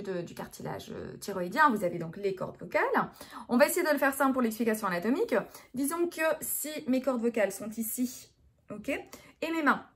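A woman speech therapist giving an explanatory lesson on voice, hesitant, with many fillers and restarts. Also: fairly high pitch.

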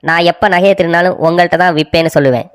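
A scheming male village thief from a cartoon story, cocky and mocking, who rattles off his threats at speed in a lowish voice. A woman acts him out. The delivery is fast and bullying. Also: fairly even intonation, background noise, lightly acted. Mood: smug. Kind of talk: cartoon voice acting.

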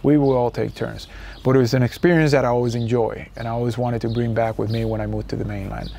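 A Puerto Rican man in his forties gives a casual cooking demonstration on an outdoor patio beside a house, explaining a recipe step by step in an easygoing way full of fillers. Recorded on a lapel mic with slight background noise, his mellow, medium-pitched voice is steady and quick, with vocal fry.

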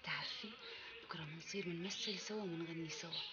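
Actress doing a low-ish, quick girl gushing, dull sound, loud music. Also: lightly acted. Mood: dreamy. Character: dreamy young woman in love.

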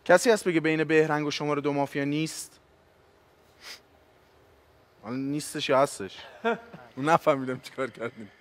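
A man's voice: a little high, fairly even intonation, pauses often. A man, a game show contestant, casually reasoning aloud about who to suspect. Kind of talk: game table discussion.

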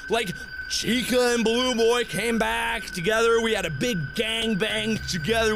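A man giving frantic, yelling commentary while playing a horror game, often swearing. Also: extremely high pitch. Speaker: gameplay commentator. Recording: loud game music behind.

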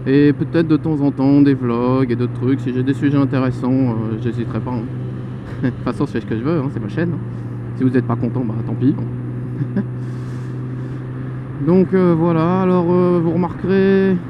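A man's voice: medium pitch, moderate pace, pauses often. A man in his twenties chatting and joking while he rides, often exclaiming in mid-sentence. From Paris suburbs. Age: 20s. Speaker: motovlogger. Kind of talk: casual vlog while riding a motorcycle. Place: motorcycle on city roads. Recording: lo-fi helmet mic with traffic noise. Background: traffic and horns.

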